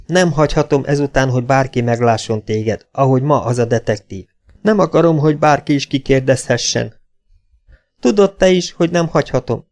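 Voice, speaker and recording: A man's voice: a little high, gravelly, a little mellow. A man voicing a tense grown son who firmly insists to his old mother, in an audiobook. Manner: firm, insistent, sometimes pleading. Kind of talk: audiobook character voice.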